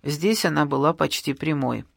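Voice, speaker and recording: Calm measured audiobook narrator. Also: medium pitch, vocal fry, no room sound, studio quality. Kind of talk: scripted narration.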